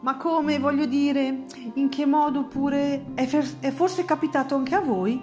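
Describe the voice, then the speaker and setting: A woman's voice: sits high, steady tone, measured pace, darkish tone, echoey room, faint music behind, voice pushed up. A woman voicing an unhappy will-o'-the-wisp spirit who stumbles over words in a storybook reading. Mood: worried.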